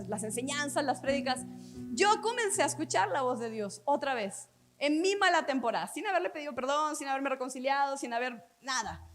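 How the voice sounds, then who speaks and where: A woman pastor preaching a sermon in an earnest way, often letting her phrases fall soft at the end. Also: high voice.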